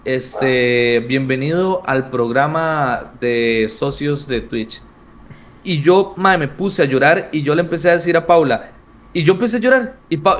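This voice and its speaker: A young man with a Costa Rican accent chats casually as a streamer guest. His voice sits fairly high, and he talks in a lively, slang-filled way. A faint hiss of background noise runs under the recording. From Costa Rica. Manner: slangy, animated storytelling. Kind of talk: casual interview chat.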